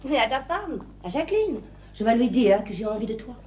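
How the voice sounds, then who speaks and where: Farce ingénue: high-voiced, breezy flirt. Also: female voice, sing-song, brisk, a little mellow. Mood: flirtatious. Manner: breezy, matter-of-fact teasing. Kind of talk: filmed stage farce acting.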